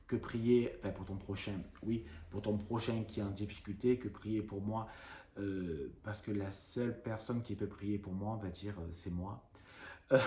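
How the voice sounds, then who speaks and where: Fast-talking man ranting in an echoey room. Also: fairly low pitch, a little mellow. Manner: fast-talking, rambling with many fillers. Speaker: YouTuber. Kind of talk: casual vlog rant.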